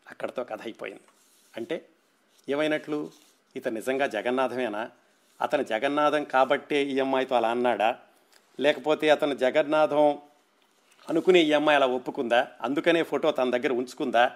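A man's voice: mid-range voice, normal speed, long pauses. A man, the host of a talk show, retelling a short story in his own words, with a Telugu accent, voicing the characters' lines briefly and adding his own comments. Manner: narrates with voiced quotes and asides.

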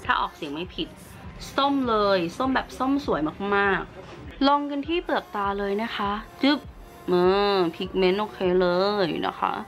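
A beauty vlogger reviews makeup in a chatty, upbeat tutorial, explaining each step as she works. Her medium-pitched voice is expressive and a little slow, with faint music in the background.

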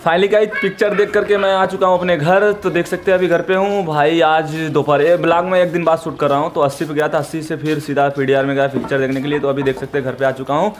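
Holding his camera at arm's length, a young adult vlogger rattles through his day outdoors, at home and at the gym, peppering his talk with "bhai." He talks fast and flat with few pauses, in a fairly high voice. The recording is echoey and swamped by loud street noise.

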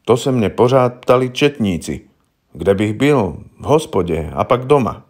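A simple, stubborn farmer, as a male reader puts him on, talking bluntly in plain country speech. The voice sits a little low, part of an audiobook story reading. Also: expressive, a little mellow. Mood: plainspoken. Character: simple, stubborn middle-aged male farmer accused of murder.

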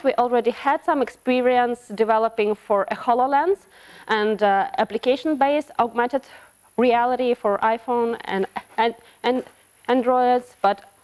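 A woman from Ukraine speaks at a developer conference, with a somewhat high voice. She explains her topic in a hesitant way, breaking off and repeating words. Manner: hesitant, frequent restarts and broken-off words. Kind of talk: conference talk with slides. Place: conference hall.

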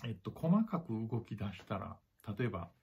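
A man's voice: lowish voice, very animated, moderate pace, vocal fry, darkish tone, husky. A man teaching clarinet in a spoken lesson, who repeats his points, talks straight to the listener, and sings rhythms aloud to show them. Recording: dull lo-fi recording.

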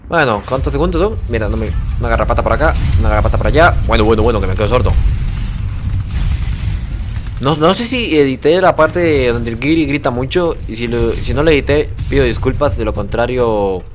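A young man, excitedly commentating his own gameplay and swearing at the action. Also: medium pitch, a little fast, a little hiss or hum. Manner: excitable, swearing, reacting loudly to the game. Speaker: gamer.

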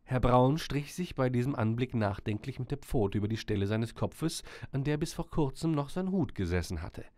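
A man narrating a storybook with gentle, expressive storytelling. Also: medium pitch, gravelly, no room sound.

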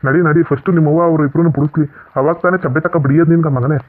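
A man playing a childish, lovesick madman son in a village comedy skit, insisting and whining fast. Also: fairly high pitch, steady tone, voice pushed down, close to an everyday voice. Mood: insistent. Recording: tinny phone-like lo-fi audio.

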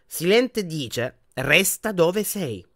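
A man's voice: fairly high pitch, big pitch swings, normal speed, bright, forceful tone, no room sound, studio quality, voice pushed up, exaggerated voice. A man doing Phineas Nigellus, sneering old wizard. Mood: mocking. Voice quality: drawling, mocking. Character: haughty old male wizard portrait, sneering and pompous. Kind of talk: audiobook character voice.

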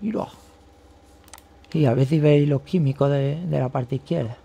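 Gravelly man, agitated vlogger. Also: mid-range voice, moderate pace, dark tone, highs cut off. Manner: agitated, rambling, swears often. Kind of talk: casual monologue to camera.

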